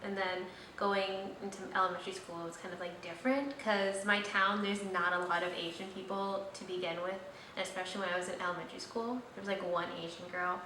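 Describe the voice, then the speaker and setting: Rambling through a casual vlog chat full of fillers, a young host speaks quickly with a steady, sharp tone in a mid-range voice, barely pausing. It's recorded in an echoey room on a slightly distant mic, with faint noise.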